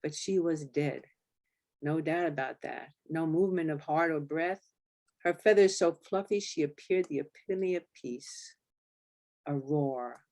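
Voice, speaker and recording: A woman with a low, deep voice reads her own memoir aloud at a public library event. Her delivery is steady and flat, close to a monotone. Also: unhurried. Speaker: memoir author.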